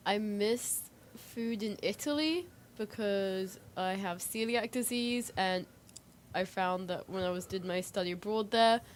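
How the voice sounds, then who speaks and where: A co-host in a casual chat talks hesitantly in a mid-range, unhurried voice, hedging constantly with "like" and other filler words. Faint background noise can be heard in the recording.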